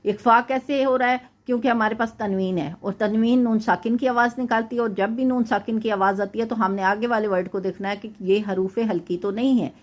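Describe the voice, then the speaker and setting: A woman teaching tajweed, correcting a student's recitation and explaining each rule step by step, often checking in with a quick "okay". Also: on the high side, steady tone. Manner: recites verses slowly and drawn out.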